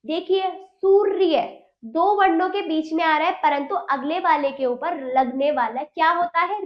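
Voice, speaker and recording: A woman teaching young children, patiently repeating herself and sounding out syllables slowly one by one. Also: high voice. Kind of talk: children's Hindi phonics lesson. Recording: dull lo-fi recording.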